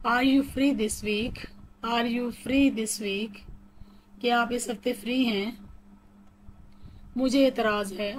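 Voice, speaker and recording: A woman teaching English phrases in Hindi-Urdu. She reads each phrase slowly, repeats it, and says she is reading a bit robotically. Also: on the high side, slight background noise, poor audio. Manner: calls her own reading a bit robotic.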